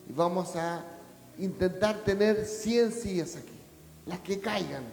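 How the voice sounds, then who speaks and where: Slightly slow and gravelly, a high-voiced male pastor delivers his sermon, pressing the congregation with rhetorical questions and building up to shouting at its peaks. Every phrase is followed by a long, echoing church-hall reverb.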